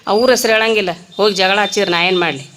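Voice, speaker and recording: A woman preacher with a North Karnataka accent giving a comic religious discourse in a temple, telling stories with rustic humor and quick asides to the audience. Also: medium pitch, steady tone, fairly bright tone, a little hiss or hum. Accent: North Karnataka Kannada. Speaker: spiritual preacher.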